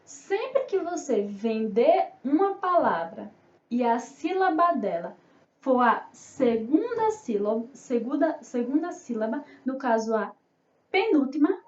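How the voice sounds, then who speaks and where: A Brazilian primary school teacher with a high, slightly mellow voice runs a remote class for young children. She stretches out syllables and answers her own questions in a sing-song manner. The recording is roomy, distant and dull, with a lo-fi quality.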